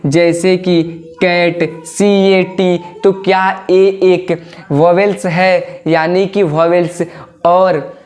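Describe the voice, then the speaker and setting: This online English teacher speaks at a medium pitch with a darkish tone, calling the audience "babu." Questions get posed and answered in turn, important points come back again and again, and pronunciation is practiced out loud.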